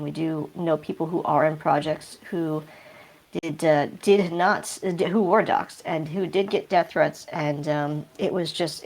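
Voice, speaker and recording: A man speaking through a voice changer that pitches his voice deep, answering interview questions casually and hesitantly with many fillers. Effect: voice changer, pitch shifted deep. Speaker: project developer guest.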